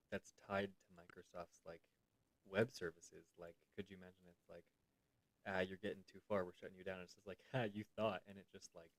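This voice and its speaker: A man's voice: deep voice, dry recording, rough recording. A young adult man in casual chat, hesitant and full of "like", laughing easily.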